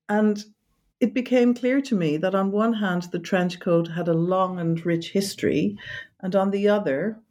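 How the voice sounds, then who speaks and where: Academic woman from Ireland, lowish mellow voice, measured and hesitant, interview guest. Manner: thoughtful, hesitant with fillers. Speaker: author and design history academic. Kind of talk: interview answers.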